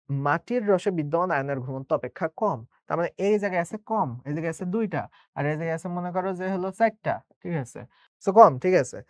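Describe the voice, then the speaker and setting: A young man teaching an exam prep lesson in a fast, chatty way, often correcting himself. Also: on the high side, no room sound.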